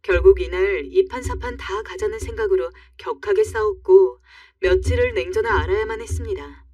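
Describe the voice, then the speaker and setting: A woman's voice: medium pitch, normal speed, darkish tone, no echo, clean studio sound, far from the mic. A woman reading a first-person story aloud in a confiding, indignant tone. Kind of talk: scripted story narration.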